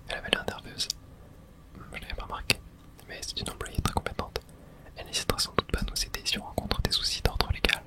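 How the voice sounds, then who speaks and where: During an ASMR playthrough of a video game, a person reads the in-game dialogue aloud, whispering in a hushed, unvoiced way.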